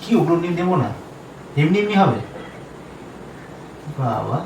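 A young man from Bengal, co-host of a prank channel, talking casually and quickly and protesting defensively during a staged couple prank. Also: on the high side, big pitch swings, creaky. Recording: echoey room, distant mic, background noise.

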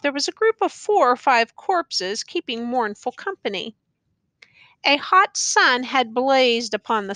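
A woman narrating a classic war novel as an audiobook, reading slowly and deliberately. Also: a little high, fairly bright tone, no room sound.

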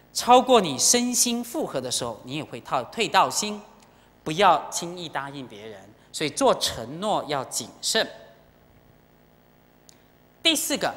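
Lively, bright-voiced sermon in a reverberant hall. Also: medium pitch. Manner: animated, emotional storytelling with direct appeals. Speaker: Buddhist dharma teacher. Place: temple lecture hall.

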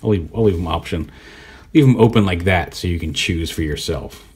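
A man with a deep, low voice walks through a toy review in an easygoing, rambling way. He thinks out loud as he handles the figure, with a faint hiss behind him. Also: a little fast. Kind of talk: casual hands-on product review.

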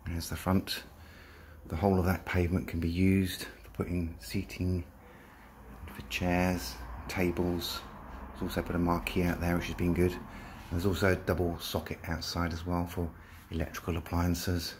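A man's voice: low voice, completely flat delivery, moderate pace, slight background noise. A man with an English accent giving a plain, matter-of-fact walkthrough of a shop building, filmed on a handheld phone as he walks the empty rooms. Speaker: property seller giving a walkthrough. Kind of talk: casual property tour narration. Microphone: handheld phone, walking.

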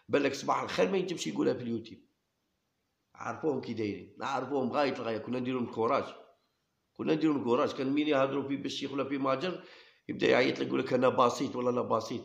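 A man with an Algerian Arabic accent rattles off a defiant monologue to his viewers. His voice is gravelly and quick, and he hammers the same challenges over and over. The sound bounces around an echoey room. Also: medium pitch, lo-fi sound. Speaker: YouTube channel host. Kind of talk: heated solo monologue to camera.

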